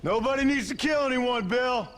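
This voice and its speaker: An actor playing a laconic frontier gunslinger in a video game, speaking in short, guarded replies with a drawl. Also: male voice, very high-pitched, normal speed, fairly bright tone, a little hiss or hum. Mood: pleading. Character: terse, guarded gunslinger outlaw.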